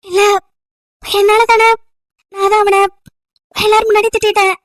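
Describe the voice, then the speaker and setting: A woman's voice: very high voice, little pitch movement, normal speed, no room sound, studio quality, distant mic, soft background music. A woman playing a guilt-stricken young teacher. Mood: guilty. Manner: tearful, self-blaming. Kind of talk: amateur audio drama.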